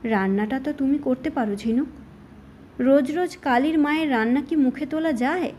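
A woman's voice: high voice, moderate pace, a little mellow, slight background noise, lightly acted. A woman reading the lines of a young male schoolteacher in a plain, questioning way, in an audio story. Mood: earnest.

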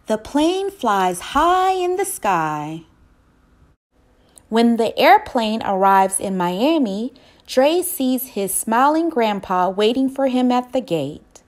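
Narrating a children's story, a woman speaks in a fairly high voice with a lively melody. She reads slowly and deliberately, with clear expression.

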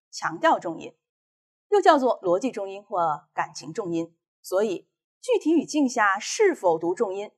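Female teacher from China, recorded class lecture, measured and clear, lively pitch, a bit husky. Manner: clear, measured explanation of reading techniques.

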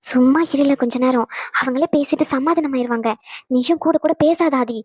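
A woman voicing a hushing cartoon mother. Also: high-pitched, moderate pace, no room sound, studio quality, lightly acted. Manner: hushing, urging quiet. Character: anxious middle-aged mother, pleading for calm. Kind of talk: cartoon voice acting.

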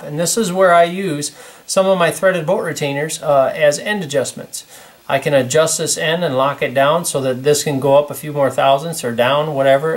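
A man giving a casual hands-on demonstration at a workshop bench, explaining how a fixture works in a relaxed, plain-spoken way with plenty of fillers. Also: a little high, a little hiss or hum. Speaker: product demonstrator. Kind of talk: casual hands-on product demo.

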